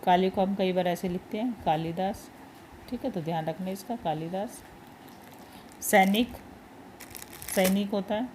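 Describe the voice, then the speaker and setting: A woman's voice: medium pitch, measured pace, pauses often, darkish tone, slight background noise. A woman teaching a Hindi spelling lesson. She says each word, repeats it, and patiently points out which ones are important.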